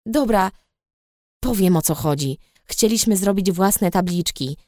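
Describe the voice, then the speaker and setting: A woman voicing a sly, charming young man who speaks quietly, in an audiobook reading. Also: animated, measured pace, no echo, studio quality, natural voice. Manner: hushed, low-key. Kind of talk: audiobook character voice.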